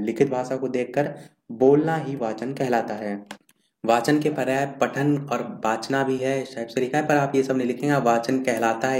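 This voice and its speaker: A man with a medium-pitched, darkish voice teaches an exam revision lesson, listing and explaining points steadily one after another as he scrolls through his notes. It's a screen-recorded voice-over made in an echoey room.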